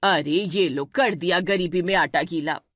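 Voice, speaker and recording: A scolding middle-aged mother-in-law in a cartoon story, played by a woman. Her voice sits low and the sound is dry and close. She fires sharp, impatient questions. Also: a little slow, no echo.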